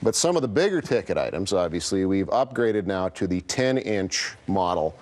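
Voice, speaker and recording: A man's voice: deep voice, lively intonation, moderate pace. A man showing fishing gear on a morning TV segment, talking eagerly and rambling a little. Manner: eager, rambling product walkthrough.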